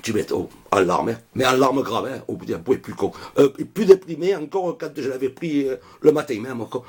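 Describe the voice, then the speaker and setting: A man's voice: medium pitch, moderate pace, husky. A man with a Marseille accent telling a long joke in a loose, colloquial way, full of little fillers. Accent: Marseille French. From Marseille, France. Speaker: joke teller. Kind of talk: casual joke storytelling.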